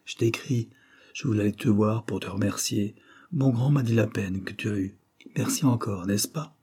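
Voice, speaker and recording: A defeated, gloomy painter, voiced by a man reading aloud, murmuring slowly in a low, dark tone. It is a storybook reading, husky and close to the reader's own voice. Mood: weary. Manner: murmuring, slow. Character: defeated gloomy male painter, slow and muttering.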